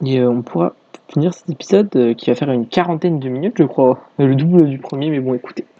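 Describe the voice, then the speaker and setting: A man's voice: mid-range voice, quick pace, warm tone, no echo, muffled recording. A tired, yawning man giving casual, rambling commentary while playing a video game, with game music behind. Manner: chatty, rambling asides. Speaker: let's play gamer.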